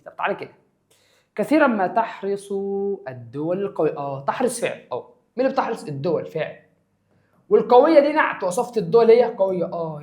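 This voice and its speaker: A male teacher with an Egyptian accent rattles through an exam review at a brisk clip. He is lively and keeps repeating the key rules. He voices his students' questions, then answers them himself. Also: sits high. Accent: Egyptian Arabic.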